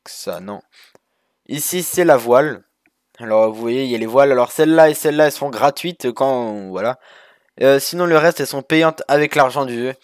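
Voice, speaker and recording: A man's voice: medium pitch, normal speed, no echo, clean studio sound. Rambling young man narrating a game. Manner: rambling, many fillers and restarts. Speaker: gaming youtuber. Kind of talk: casual screen-recorded game walkthrough.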